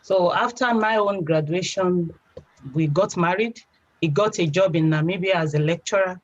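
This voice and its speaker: A young adult woman with a Nigerian accent, a guest telling her story in a chatty, relaxed way, often saying "you know". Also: fairly low pitch, moderate pace. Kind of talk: casual interview. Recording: slightly dull lo-fi sound.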